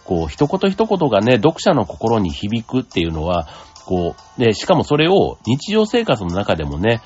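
Man, solo talk host, husky, lively pitch, relaxed rambling, dull lo-fi sound. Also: normal speed. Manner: relaxed, rambling, many fillers. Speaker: podcast host. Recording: dull lo-fi sound with faint music.

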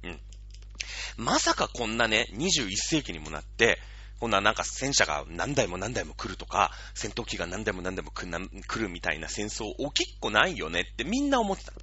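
Animated man on a dull lo-fi recording. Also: fairly low pitch, fairly quick, husky. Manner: animated, explains with playful analogies. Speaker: radio show host. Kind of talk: casual explanatory talk.

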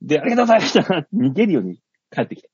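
A middle-aged man tells a story on a chat show, his pitch leaping up and down and his words coming fast. He sounds a little husky, and the recording is dry and slightly dull. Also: no echo. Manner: animated, acts out scenes, laughs at his own story. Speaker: comedian and radio show host.

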